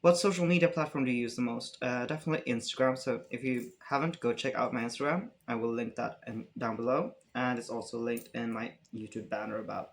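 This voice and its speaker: A young man from Sweden with a Swedish accent, answering fan questions in a relaxed, rambling vlog chat. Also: medium pitch, a little fast, creaky, few pauses. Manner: relaxed, rambling, many fillers and restarts. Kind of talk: casual Q&A chat.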